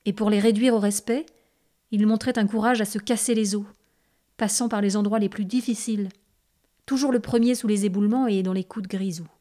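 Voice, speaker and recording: Reading a classic novel as an audiobook narrator, a woman speaks in a mid-range voice with a steady, measured delivery.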